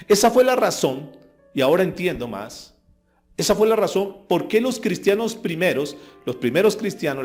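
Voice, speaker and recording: Gravelly pastor preaching with swelling fervor. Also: male voice, on the high side. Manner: emphatic preaching, swings from quiet to loud. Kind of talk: sermon.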